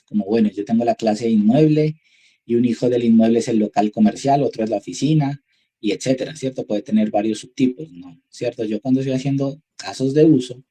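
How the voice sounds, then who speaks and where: A man teaches an online class in a very dark, husky voice. He reasons aloud and keeps asking his students whether they follow. He speaks through a computer microphone on a video call. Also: mid-range voice. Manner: thinks aloud, checks in with tag questions. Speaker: university instructor.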